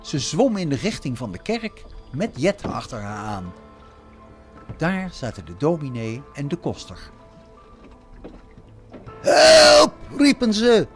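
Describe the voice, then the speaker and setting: A man narrating a children's story in a slow, expressive storytelling way. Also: medium pitch, faint music behind.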